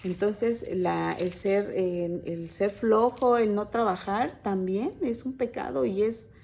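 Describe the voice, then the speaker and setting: A woman teaches a church women's group in a relaxed, conversational sermon. Her voice is mellow and dark, sitting at an ordinary middle pitch. She pauses often on fillers and restarts her phrases as she tells stories to her listeners. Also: gravelly. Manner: hesitant, many fillers and restarts; conversational storytelling, addressing listeners as sisters.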